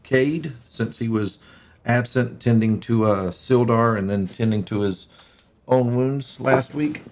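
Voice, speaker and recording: A man's voice: mid-range voice, slow, background noise. A man hosting and narrating a tabletop game as game master, talking casually with plenty of fillers and laughs.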